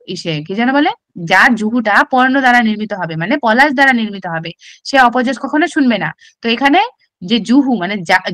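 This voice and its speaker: A woman's voice: a little high, a bit bright, dry recording. A woman teacher with a Bengali accent explains a classical text step by step in an online exam-prep class, often asking rhetorical questions.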